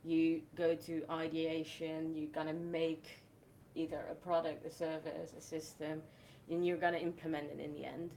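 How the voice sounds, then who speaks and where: A young woman from the Netherlands talks in a low voice and explains things one step at a time. She sounds relaxed, like she is in a casual interview chat. A faint rumble sits under the recording. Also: moderate pace. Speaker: festival host.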